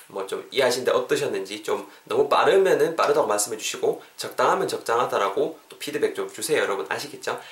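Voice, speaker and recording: Lively man teaching English, roomy sound. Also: medium pitch, distant mic. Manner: animated, joking asides, chatty. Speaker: English teacher, podcast host. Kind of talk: casual podcast English lesson.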